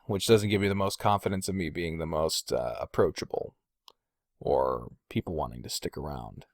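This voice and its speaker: A podcast host and video creator with an extremely low, fry-laden voice talks casually at a moderate pace. He's candid and rambling, hesitating and qualifying himself, and swears casually. The sound is studio quality with no room noise.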